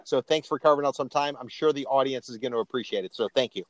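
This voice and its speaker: A podcast host runs an interview in a casual, chatty, informal style and delivers his lines emphatically. His voice is mid-range and his pace is quick.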